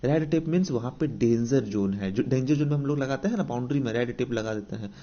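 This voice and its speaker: Husky Indian male vocabulary teacher. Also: mid-range voice, quick pace, mellow, muffled recording. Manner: explains with repetition and rhetorical questions; mixes English definitions into Hindi speech. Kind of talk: exam coaching lesson.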